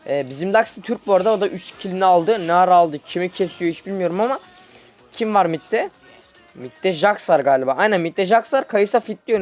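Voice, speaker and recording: A young man, a student, giving excited live commentary over his own mobile gameplay, chatty and teasing his teammates. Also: high voice. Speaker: gaming video host.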